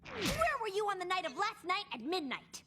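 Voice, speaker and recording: Rainbow Dash, a brash tomboy pony. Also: female voice, very high-pitched, very animated, moderate pace, bright, forceful tone, slight background noise, heavily acted. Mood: impatient. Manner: blunt, impatient, exasperated. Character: brash impatient tomboyish young female pony flyer. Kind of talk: cartoon voice acting.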